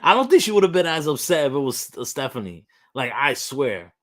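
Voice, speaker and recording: A man's voice: on the high side, a little fast. Ranting young man on a podcast. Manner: animated, ranting, emphatic; frequent restarts and fillers. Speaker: podcast host. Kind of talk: casual opinionated chat.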